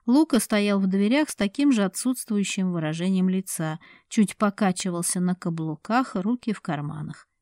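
Mellow-voiced woman narrating a story. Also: medium pitch, moderate pace, few pauses, dry recording, studio quality. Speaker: audiobook reader. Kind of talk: scripted narration.

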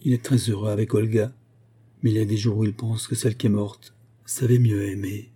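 A man reading a novel aloud in a measured, literary manner. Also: on the low side, flat delivery, warm tone, breathy edge. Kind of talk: audiobook narration of a novel.

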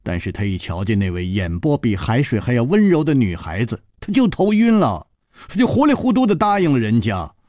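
A man voicing a pouting, sharp-tongued young girl who complains. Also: mid-range voice, big pitch swings, brisk, no room sound, clean studio sound, natural voice.

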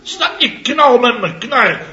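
An actor voices Biels, a blustering fifty-something contractor boss from a 1960s radio comedy serial, theatrically relating his mishaps and chuckling with amusement. His exaggerated voice is very high-pitched, with big pitch swings and a slow pace. The dull old broadcast recording is reverberant, a crowd is audible, and the studio audience laughs.

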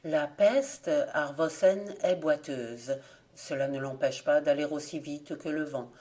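A woman narrates folk tales for an audiobook. She reads in a steady, clear storytelling manner, with a fairly low voice. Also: unhurried. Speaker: volunteer audiobook reader.

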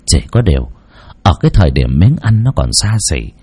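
Low, husky male storyteller. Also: big pitch swings, brisk, dark tone. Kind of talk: scripted narration.

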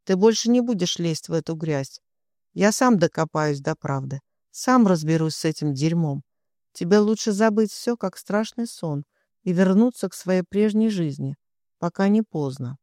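A woman voicing a stern, brooding young husband in an audiobook, speaking in a quiet, hushed way. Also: lowish voice, animated, normal speed, no echo, studio quality. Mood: firm.

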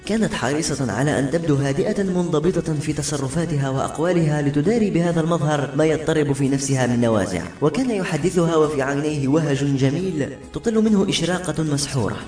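A man narrating a novel in an expressive reading voice. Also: on the high side. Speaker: audiobook narrator. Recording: roomy echo with faint music.

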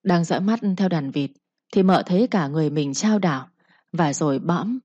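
Low, husky woman narrator. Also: lively intonation, normal speed, dark tone, dry recording. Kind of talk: scripted storybook narration. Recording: dull, lo-fi, dry.

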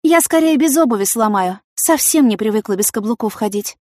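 Acting a character in an audiobook, a woman voices a vain, impulsive, dramatic young woman with theatrical, indignant exclamations, sounding sassy and defiant. Her voice is fairly high, pushed up, animated, brisk and a little mellow, recorded at studio quality without echo.

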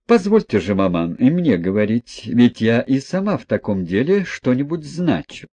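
A man's voice: on the high side, wildly swooping pitch, moderate pace, dry recording, pitched above the performer's own voice, full character voice. A male audiobook reader voicing a proud young noblewoman who teases and questions imperiously. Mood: mocking. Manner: sharp, teasing, imperious.

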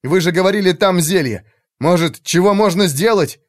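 A calm, cold male warrior speaking flatly and to the point, as an audiobook reader voices him. His voice sits a little raised and close to the mic. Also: high-pitched, moderate pace, no echo, voice pushed up, natural voice. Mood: cool. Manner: cold, matter-of-fact. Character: cool-headed red-haired male warrior.

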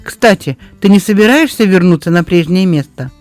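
A man's voice: sits high, animated, moderate pace, darkish tone, faint music behind. A man reading aloud, voicing a friendly, good-humored young man in a storybook who talks in an easygoing way.

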